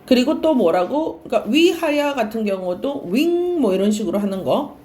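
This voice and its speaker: A woman's voice: fairly high pitch, big pitch swings, moderate pace, mellow. A woman teaching a classroom lecture, asking questions and answering them herself, and repeating and stretching key words. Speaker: Korean language teacher.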